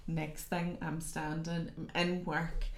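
Creaky, low-voiced Northern Irish woman storytelling. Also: slow pace. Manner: animated retelling with acted-out quotes. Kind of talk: candid personal storytelling in casual conversation. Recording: roomy, echoing sound.

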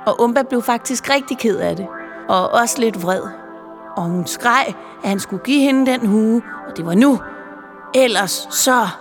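Woman reading a children's story aloud. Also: a little high. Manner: expressive, playful storytelling. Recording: long reverb with music behind.

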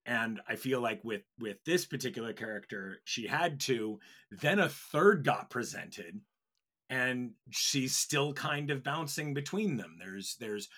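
A man's voice: medium pitch, sharp tone. A man on a podcast panel, talking things through in a thoughtful, reflective way. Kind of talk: casual panel chat.

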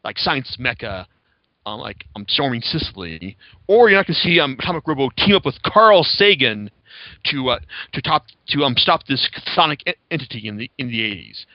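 A podcast host chats casually and reviews things with rambling, profane enthusiasm. His mid-range voice is sing-song and moderately paced, with no room sound and a slightly dull lo-fi recording.

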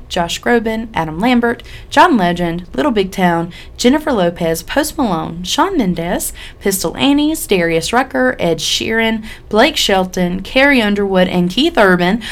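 Chatty woman podcaster with a slight cold. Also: mid-range voice. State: has a cold, slightly sick-sounding. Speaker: podcast host. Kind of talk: casual, chatty podcast hosting.

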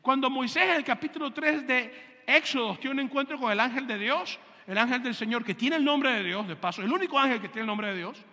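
High bright-voiced male pastor in reverberant hall. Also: fairly quick. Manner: has the congregation repeat terms and checks they follow. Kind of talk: teaching sermon.

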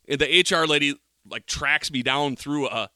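A man's voice: a little high, normal speed, pushed and bright, no echo, clean studio sound. A middle-aged man, telling a rambling, profane story as a podcast co-host. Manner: rambling, profane, exaggerated rants. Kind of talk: casual chat, storytelling.

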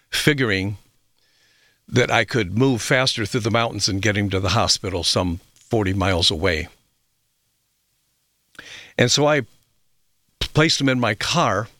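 A man's voice: on the low side, sharp tone, no echo. A middle-aged man hosting a health radio show, telling reflective stories with fillers and restarts. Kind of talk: radio talk monologue.

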